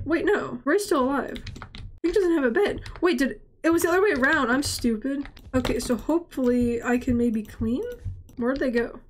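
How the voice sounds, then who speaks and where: A woman with a stuffy, congested voice gives casual gameplay commentary, rambling and stammering as she talks to herself. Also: a little high. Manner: rambling, stammering self-talk. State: congested nasal voice. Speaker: gaming channel host.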